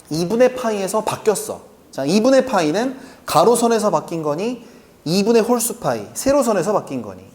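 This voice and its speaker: A man teaching a math lesson, who keeps asking the class quick questions and then answers them himself. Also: sits high, a little mellow. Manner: keeps checking in with quick rhetorical questions to students; answers his own questions aloud.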